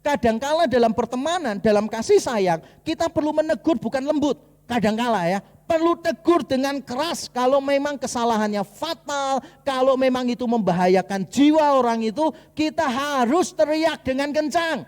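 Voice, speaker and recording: A man's voice: very high-pitched, moderate pace, a little mellow. A man preaching a sermon as pastor, conversational and humorous, acting out little asides as he goes. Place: church hall. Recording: long hall reverb.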